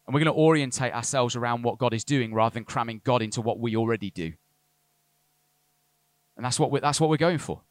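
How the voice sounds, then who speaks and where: A man's voice: mid-range voice, fast talker, long pauses, dry recording. A man preaching a sermon as a pastor, earnest with light asides to the congregation. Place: church service.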